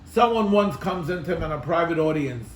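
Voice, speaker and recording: Earnest high-voiced rabbi in an echoey room. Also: male voice, animated, a little fast, slight background noise. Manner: earnest, rhetorical questions, emphatic repetition. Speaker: rabbi teaching a class. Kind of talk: Torah class with storytelling.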